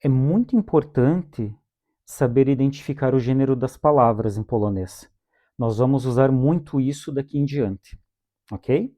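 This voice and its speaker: A man's voice: mid-range voice, measured pace, dark tone, muffled recording. A young Brazilian man with a Brazilian Portuguese accent, teaching a language lesson in a patient way and repeating each word twice for his learners. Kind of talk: calm lesson with repeated vocabulary drills.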